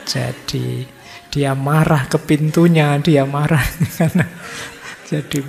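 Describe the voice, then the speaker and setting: A man's voice: a little high, fairly even intonation, takes it slowly, creaky, background noise. A middle-aged man giving a conversational philosophy lecture in a mosque hall, acting out the voices of students he quotes.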